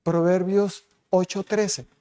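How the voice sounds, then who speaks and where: A pastor delivers an emphatic sermon, pressing his congregation with rhetorical questions and alternating quick and slow passages. His voice is high, warm, and clean, with a flat delivery.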